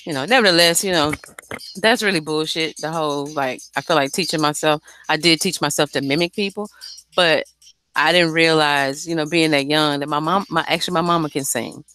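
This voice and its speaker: Low in pitch but bright and forceful, this female singer and songwriter talks fairly quickly in a dry recording. It's an unscripted, candid conversation about making music, full of slang and swearing, delivered in a light, airy voice.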